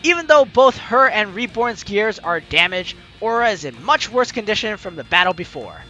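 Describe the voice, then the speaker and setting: This high-pitched man speaks at normal speed on a lo-fi recording. Hosting a let's play, he narrates a visual novel story with animated, theatrical drama as game music plays.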